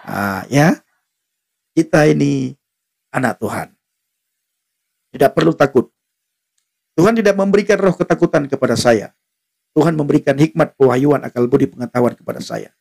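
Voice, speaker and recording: A man's voice: medium pitch, animated, normal speed, vocal fry, pauses often, darkish tone. A man preaching defiantly on a live stream, repeating himself and laughing now and then.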